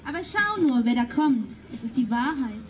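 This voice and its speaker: A woman's voice: a little high, very animated, slight background noise. A woman playing a defiant young orator. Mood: proclaiming. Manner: rapid, proclaiming lines to an audience. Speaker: stage actor. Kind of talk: declamatory stage speech. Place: theatre stage. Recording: stage voice picked up from a distance.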